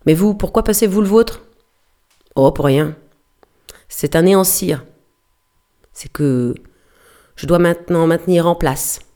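A woman voicing a brash, joking male whaling mate who mocks and hails loudly across the water. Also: fairly low pitch, measured pace, long pauses. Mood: mocking.

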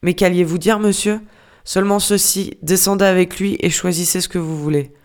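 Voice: medium pitch, fairly even intonation, a little fast, lightly acted. A reader as a curt, sober first mate. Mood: dry. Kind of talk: audiobook character reading.

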